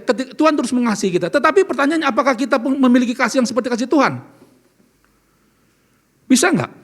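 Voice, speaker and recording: A man's voice: very high-pitched, gravelly, a bit bright. A man preaching a sermon as pastor, earnest and questioning, asking the congregation questions as he speaks. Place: church service.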